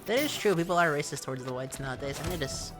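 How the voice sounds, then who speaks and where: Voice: medium pitch, lively intonation, fast talker, loud music behind the voice. A host chatting casually while playing a game, dry and matter-of-fact, prone to tangents. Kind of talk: casual gameplay banter.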